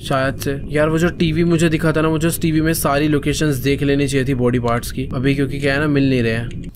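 A young man with a Hindi accent doing excitable let's play commentary of a horror game, talking to viewers with jumpy startled cries. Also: fairly high pitch, a little hiss or hum. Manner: excitable, talks to viewers, jumpy frightened exclamations. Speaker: gaming YouTuber.

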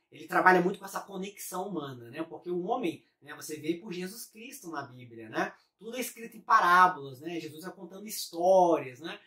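A man's voice: fairly high pitch, fairly bright tone. A Brazilian man giving a casual online lesson as a business coach, chatty and forever tagging his phrases with a question. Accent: Brazilian Portuguese. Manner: chatty, ends most phrases with a tag question. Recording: roomy sound, mic at a distance.

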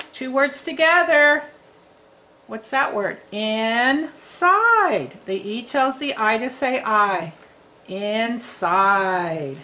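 Indoors at a tabletop, a woman reading teacher gives a lesson to young children, speaking slowly and encouragingly as she sounds words out. Her voice is fairly high and a bit bright, with slight background noise.

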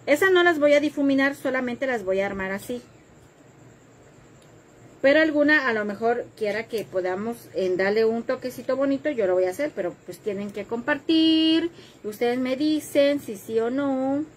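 Lady doing a live craft class, kinda high voice, chatty and jokey, bit of room noise. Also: animated, moderate pace. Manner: chatty and self-deprecating, reads viewer comments while working. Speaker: craft tutorial host. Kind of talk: casual live craft tutorial, chatting with viewers.

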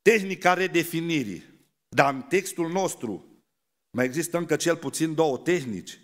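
A man from Romania preaching a sermon in a church, animated, acting out the people he quotes. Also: fairly high pitch. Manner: animated, acts out quoted voices.

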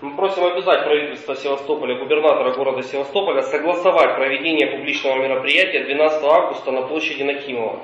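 A man presenting a formal legal argument in court, measured with occasional hesitations, captured on a dictaphone recording in the courtroom. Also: mid-range voice, a bit bright. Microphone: dictaphone far from the speaker. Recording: echoey, distant, dull dictaphone recording.

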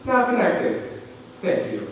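A man playing an automated pay phone voice, talking in choppy spliced-together recorded prompts whose words jump in pitch. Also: huge pitch swings, slow pace, heavily acted. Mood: mocking. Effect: choppy spliced-together recorded prompts, words jumping in pitch. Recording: echoey hall, voice from far off, faint hiss.

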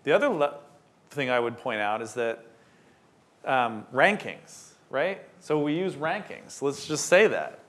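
A middle-aged man speaks as a researcher on a panel, answering questions from the audience. He lays out his reply in clear, ordered points. He stands at the front of a lecture hall. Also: medium pitch, lively intonation, measured pace, fairly bright tone. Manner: engaged, explains in ordered points.

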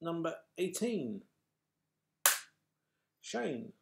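In an extremely slow, very animated delivery, a middle-aged British man calls out raffle numbers and names bingo-style, matey and chatty while apologizing to players. His voice is on the high side, creaky, and darkish in tone. The recording, from a home webcam in a small furnished room indoors, is noisy and has clatter.

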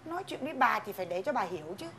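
Một người phụ nữ đóng vai bà nội già nghiêm khắc, giọng miền Bắc, hay mắng mỏ con cháu trong tiểu phẩm hài. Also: female voice, a little high, sing-song, rapid-fire, sharp tone, a little hiss or hum, heavily acted. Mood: scolding. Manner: scolding, blunt, teasing. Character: stern old grandmother, scolding. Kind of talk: comedy sketch acting.

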